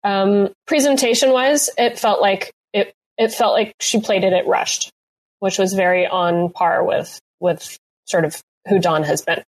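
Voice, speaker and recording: A woman's voice: medium pitch, steady tone, a little slow. Woman chef chatting, lots of ums and restarts, regular mid voice. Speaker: chef guest recapping a cooking competition. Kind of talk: casual podcast chat.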